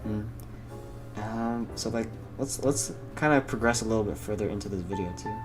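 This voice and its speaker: Young male co-host, hesitant and laid-back, low voice, soft music bed. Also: normal speed. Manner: hesitant, filler-heavy, easygoing. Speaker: podcast co-host. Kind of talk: casual chat.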